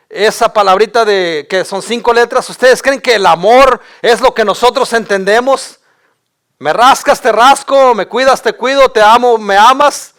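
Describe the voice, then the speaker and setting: A man's voice: sits high, fairly bright tone. A male pastor, preaching an impassioned sermon and stammering over repeated words as he builds his points.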